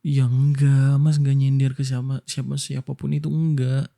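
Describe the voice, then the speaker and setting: A man from Indonesia doing a whispered boyfriend role-play, soft and coaxing as he soothes his partner. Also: mid-range voice, little pitch movement, moderate pace, gravelly. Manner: soft, coaxing, affectionate toward listener.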